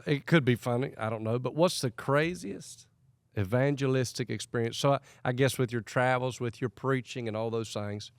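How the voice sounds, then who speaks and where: A man's voice: fairly low pitch, no room sound. A man, speaking casually in a rambling, hesitant way while leading into a question. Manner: rambling, hesitant, with many fillers and restarts. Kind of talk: casual conversation.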